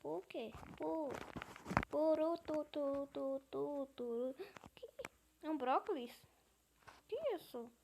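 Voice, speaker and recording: A young woman with a Brazilian Portuguese accent chatting excitedly while she plays an online game, reading chat and dropping into whispers. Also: high-pitched, takes it slowly, vocal fry, pauses often. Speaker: gaming YouTuber. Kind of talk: casual gameplay commentary. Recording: noisy home recording.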